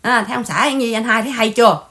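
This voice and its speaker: This woman hosts an online channel, chatting casually on a livestream while she mocks people in scolding gossip. She speaks very fast in a fairly high, somewhat bright voice.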